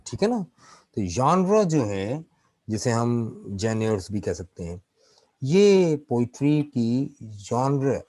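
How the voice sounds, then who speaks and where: Male literature tutor, slow and mellow, keeps checking in with his online class. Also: lowish voice, no echo, poor audio. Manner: explanatory, keeps checking in with students; mixes English terms into his explanations. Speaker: literature teacher.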